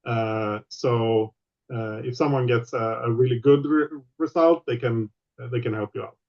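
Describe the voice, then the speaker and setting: A man acts as game master for an online tabletop game, patiently explaining the rules with many pauses. His voice is medium-pitched and darkish, and the sound is lo-fi.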